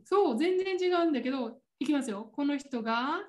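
Chatty Kansai-accented woman, high voice. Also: expressive, brisk. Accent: Kansai Japanese. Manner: chatty, laughs often, explaining. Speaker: podcast co-host. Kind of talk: casual chat.

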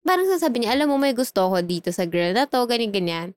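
A young woman with a high voice tells a story in casual chat, laughing often and acting out the lines of the people she quotes. Her voice is recorded close and dry, with almost no room sound. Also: fast, clean tone, no echo. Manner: animated, laughs often, acts out quoted dialogue.

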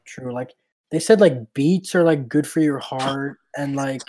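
A young man co-hosting a casual podcast, telling anecdotes with frequent laughs and trailing, softer endings. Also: medium pitch, unhurried. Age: young adult. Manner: storytelling, laughs mid-sentence, trailing soft. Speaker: podcast co-host. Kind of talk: casual chat.

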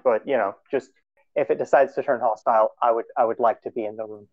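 A man's voice: mid-range voice, fairly even intonation, quick pace. A man talking casually as a player in a tabletop game, on a muffled lo-fi microphone.

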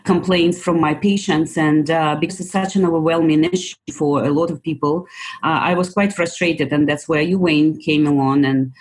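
A woman's voice: deep voice, fairly even intonation, normal speed, a little mellow, husky, rough recording. A woman, answering interview questions thoughtfully with small grammar slips. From Ukraine. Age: 50s. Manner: thoughtful, a bit hesitant, non-native grammar slips. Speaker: guest physician.

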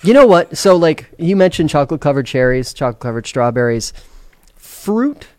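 A man's voice: on the high side, big pitch swings, normal speed, darkish tone, no room sound. A man co-hosting a casual news and chat show, teasing his co-hosts playfully. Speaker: co-host.

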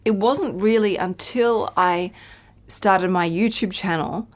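A woman's voice: medium pitch, slow. A woman, a podcast guest, chatting casually and telling a story, acting out quoted voices as she goes.

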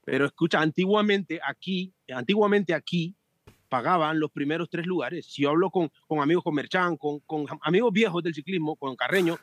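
A man with a husky voice, a little higher than most men, who chats as a podcast guest and tells animated stories. He jokes and swears freely. His voice comes over a remote call and sounds dry, with no room around it. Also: a little fast, no echo. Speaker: podcast guest, amateur cyclist. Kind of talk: casual chat.

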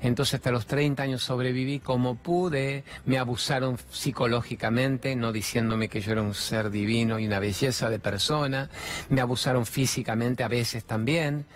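A man over fifty with an Argentine accent, giving a colloquial, animated spiritual talk to an audience and slipping into voices for quoted speech. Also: medium pitch, normal speed. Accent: Argentine Spanish. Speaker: spiritual speaker.

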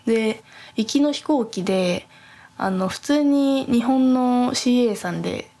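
Quiet young woman rambling on a podcast, kinda gravelly voice, lots of ums and restarts. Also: on the high side, measured pace. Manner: rambling, many fillers and self-corrections; soft-spoken, quiet voice. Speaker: podcast host. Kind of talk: casual storytelling chat.

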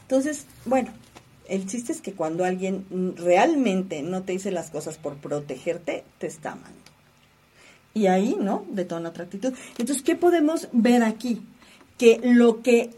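A woman's voice: medium pitch, lively intonation, unhurried, dark tone, husky. A woman talking about emotions in a reflective conversation, asking guiding questions like a teacher.

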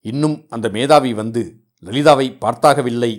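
A man voicing a sharp-tongued, indignant teenage schoolboy in a read-aloud novel, his complaints raised and teasing. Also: mid-range voice, moderate pace, lightly acted.

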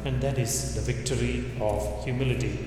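Priest preaching in cathedral echo. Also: male voice, medium pitch, fairly even intonation. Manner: solemn, measured liturgical delivery. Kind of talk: Gospel reading and sermon. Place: large reverberant church. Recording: cathedral echo, long reverb, faint noise.

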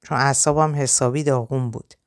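Female audiobook narrator, low, gravelly, emotional first-person read. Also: steady tone, no room sound, studio quality. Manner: dramatic, emotional reading. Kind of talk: first-person novel reading.

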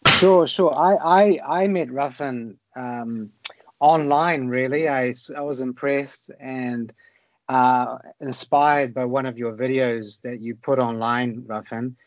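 A man's voice: mid-range voice, takes it slowly, dry recording. Man hosting an interview, upbeat, stumbling over words, dry muffled call audio. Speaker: podcast host. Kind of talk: casual interview talk. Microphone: remote call.

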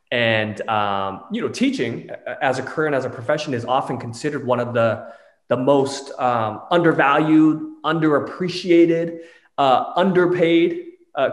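Rambling man interviewer in a roomy space. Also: mid-range voice. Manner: rambling, halting questions with restarts. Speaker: pastor and interviewer. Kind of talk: casual interview. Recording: roomy echo.

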